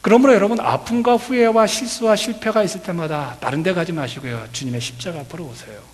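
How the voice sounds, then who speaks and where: A man's voice: fairly high pitch, a little fast, big-room sound. A man preaching a sermon as pastor, impassioned and pleading. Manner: impassioned, building to loud pleading.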